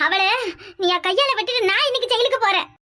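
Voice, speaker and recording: A melodramatic old village mother-in-law in a cartoon, acted by a woman, scolding and wailing at full tilt. She has a very high, bright voice, a Kanyakumari Tamil accent, and a rapid, breathless delivery. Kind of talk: cartoon voice acting.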